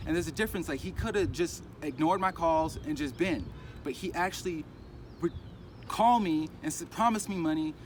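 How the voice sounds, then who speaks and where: A man's voice: on the high side, normal speed. Man rambling outdoors over street traffic. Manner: rambling, animated, acts out others' lines. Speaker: crypto vlogger. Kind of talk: casual storytelling vlog. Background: traffic noise.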